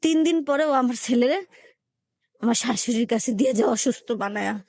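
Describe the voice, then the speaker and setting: A woman with a colloquial Dhaka-area Bangladeshi Bengali accent tells her own life story emotionally, acting out quoted conversations in dialect. Her voice is fairly high, animated, a little fast and slightly mellow, captured in studio quality with no room sound.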